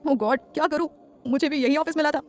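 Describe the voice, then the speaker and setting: A woman's voice: sits high, a little fast, a little mellow, voice pushed up, lightly acted. A woman voicing a nervous male office manager who stammers and hesitates in an audio story.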